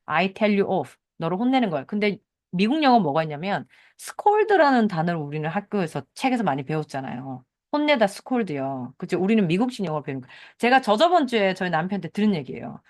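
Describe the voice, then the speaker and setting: A woman's voice: mid-range voice, very animated, brisk, hardly any pauses. Korean lady teaching english phrases, chatty, voice goes way up and down. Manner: chatty, explains patterns with example sentences. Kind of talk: casual online English lesson.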